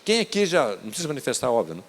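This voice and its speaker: Emphatic preacher in a reverberant church. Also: male voice, medium pitch, sing-song, very fast. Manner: emphatic preaching, swings between raised appeals and soft asides. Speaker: pastor. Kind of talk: church sermon. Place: church service.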